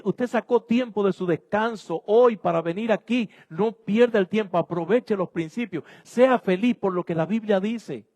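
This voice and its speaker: A man's voice: high voice, darkish tone. A man preaching a sermon as pastor, exhorting his congregation emphatically in a church. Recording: long hall reverb.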